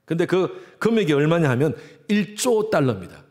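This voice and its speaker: Lively Korean pastor preaching a sermon. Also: male voice, a little high, moderate pace. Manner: lively preaching, acting out quoted voices; asks the congregation questions. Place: church sanctuary.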